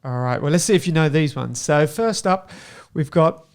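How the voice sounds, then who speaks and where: A man with a slightly high voice hosts a podcast at a normal pace, running a light trivia quiz with his guests. He's playful and laughs often while he quizzes them.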